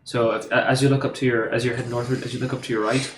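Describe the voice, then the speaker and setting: A man's voice: mid-range voice, flat delivery, rapid-fire. A man narrating a tabletop game as game master, with rambling descriptions full of fillers and restarts. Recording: roomy live stream with background noise.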